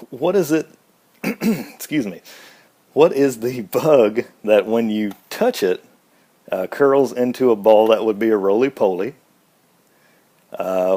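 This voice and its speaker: A man's voice: medium pitch, takes it slowly, warm tone. A man with a Southern accent from Mississippi, speaking casually and informally in a laid-back, folksy way. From Mississippi, United States. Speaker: speaker answering an accent questionnaire. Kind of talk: casual informal word list and question answers.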